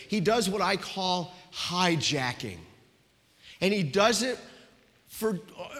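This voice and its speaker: A male pastor delivers a storytelling sermon, his voice sitting a little high for a man. He sinks to a hushed tone for the personal moments. The sound carries a long reverb, as in a church hall.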